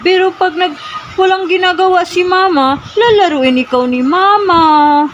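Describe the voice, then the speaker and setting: A woman's voice: very high-pitched, measured pace, lo-fi sound. A young mother talking to her small children in a sing-song baby-talk voice at home. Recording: noisy home recording.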